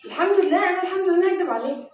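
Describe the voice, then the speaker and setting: A young woman with an Egyptian accent talks with a high, rapid voice in puzzled, protesting questions. She sounds caught from across a bare indoor room, so the sound bounces around heavily. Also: expressive, darkish tone, slight background noise. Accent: Egyptian Arabic. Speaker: daughter being pranked. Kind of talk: casual family chat. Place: family home, indoors. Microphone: ceiling camera from afar. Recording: very echoey room from far off.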